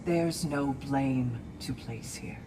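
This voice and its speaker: A very deep female voice, heavily acted, plays a gentle and resolute valkyrie in a video game, sounding solemn and calm. The dramatic lines come in measured, earnest phrases with pauses, and the recording carries long, echoey reverb and faint background noise.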